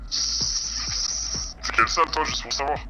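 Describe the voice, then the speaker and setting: A man's voice: medium pitch, takes it slowly, over loud music. A man talking casually in a game call through a voice changer, teasing and guessing who he is talking to. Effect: voice changer in an online party game.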